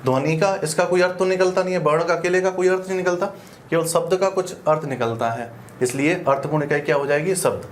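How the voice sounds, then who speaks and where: A man's voice: on the high side, fast, slight background noise. A male teacher giving an exam-prep grammar lesson. He explains step by step in a colloquial way and often stops to ask whether the class is following. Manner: explains step by step with frequent check-in questions; colloquial, uses "apan" for "we".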